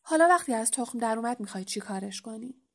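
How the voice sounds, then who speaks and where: A woman voicing a clever, earnest schoolgirl in a storybook reading, coaxing and insistent, pitched higher than her narration. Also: expressive.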